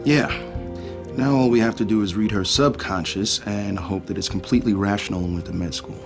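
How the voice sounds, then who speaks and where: A man plays a dry, deadpan doctor who delivers his lines flatly. His voice sits a little low. Faint music plays behind him. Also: fairly quick, natural voice.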